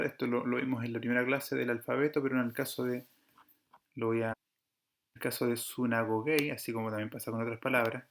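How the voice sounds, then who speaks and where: A man teaching an online Greek grammar lesson, explaining patiently step by step, correcting himself now and then and checking with his students. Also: medium pitch. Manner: addresses students directly, asks rhetorical checks.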